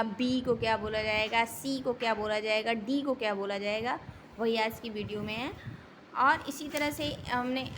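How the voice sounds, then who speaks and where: Slow, high-voiced woman teaching phonics. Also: a bit bright, a little hiss or hum, poor audio. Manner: slow, repeats each sound and asks questions. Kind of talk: phonics lesson for children.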